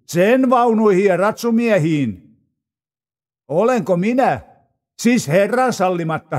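A man's voice: high voice, pitched above the performer's own voice. A man reading the part of a boastful male envoy of a conquering king, with a taunting, declamatory delivery. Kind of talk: dramatized scripture reading.

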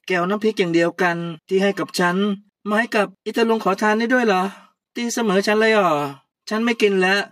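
A woman voicing an arrogant young woman who has just become a boss, speaking loudly, haughtily and with a scolding edge in a one-voice audio drama. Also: medium pitch, fairly quick, no room sound, clean studio sound, pitched above the performer's own voice, natural voice.

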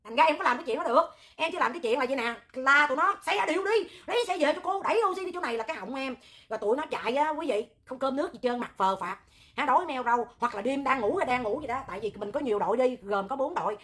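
This woman with a Southern Vietnamese accent speaks high and fast, with a loud, piercing voice that cuts through. She hosts a livestream in a hot-tempered, animated way, rambling into jokes. Her tone is sharp and bright. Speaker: livestream host, charity oxygen volunteer. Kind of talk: livestream talk to viewers.

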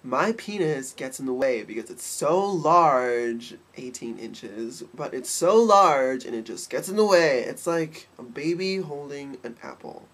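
A young adult vlogger speaks to the webcam on his bedroom desk, campy and cheeky, with quick asides. His stuffed, nasal voice sits in the mid range and sounds expressive, with a fairly bright tone.

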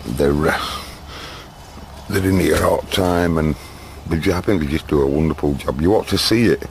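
A man's voice: extremely low pitch, normal speed, gravelly, a little hiss or hum. A man chatting and laughing to the camera as he films outdoors, heard through old camcorder audio. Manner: chatty, laughs between remarks. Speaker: home video maker. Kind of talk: rambling casual chat to camera. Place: outdoors in a garden on a sunny day. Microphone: built-in camcorder mic.

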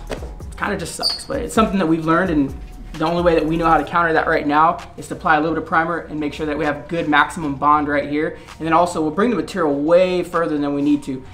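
Man, quick practical explainer, car wrap installer, big shop, music under the voice. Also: fairly high pitch, a bit bright. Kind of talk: explaining work to camera.

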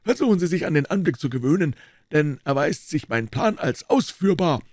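A man voicing an old male doctor who speaks in a calm, persuasive, clinical way. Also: fairly high pitch, moderate pace, no echo, clean studio sound, pitched above the performer's own voice.

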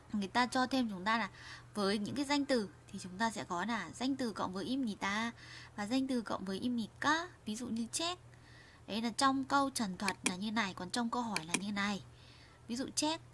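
A woman's voice: on the high side, a bit bright, slight background noise. Woman teaching grammar, lots of restarts. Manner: repeats and restarts often, asks the viewers questions. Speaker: Korean language teacher. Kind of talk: explaining grammar in a lesson.

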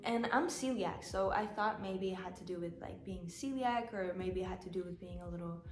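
A woman's voice: fairly low pitch, moderate pace, soft background music. Young woman, non-native english, stuffed up nose n slightly shaky voice, candid casual vlog chat, echoey bedroom. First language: not native English speaker. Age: young adult. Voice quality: congested, stuffy-nosed. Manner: candid, informal, swearing. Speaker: vlogger. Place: small bare bedroom, indoors, sitting on a bed. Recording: echoey room.

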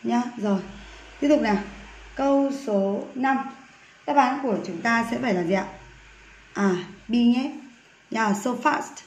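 A woman's voice: fairly high pitch, unhurried, pauses often, darkish tone, reverberant. A woman English teacher going through an exercise, patiently asking many rhetorical questions.

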